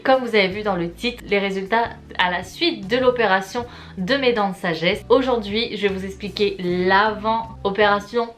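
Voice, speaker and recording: Casting: female online storyteller, mid-pitched voice, chatty and expressive, speaking casually straight to viewers. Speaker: YouTube vlogger. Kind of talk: story time vlog, casual chat to viewers.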